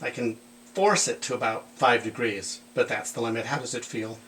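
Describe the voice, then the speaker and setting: A man in a treatment room talks through a hands-on clinical demonstration, calm and methodical. His voice sits at an ordinary middle pitch, with a faint hiss in the background. He speaks to his patient in a gentle, reassuring tone. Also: moderate pace, rough recording. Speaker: manual physical therapist.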